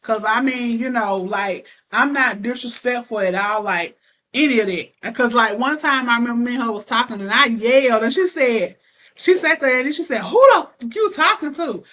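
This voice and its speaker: Casting: young woman, bright and forceful, a touch high, animated storyteller. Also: moderate pace. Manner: animated storytelling with playful mock threats. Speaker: interview guest. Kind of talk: casual chat.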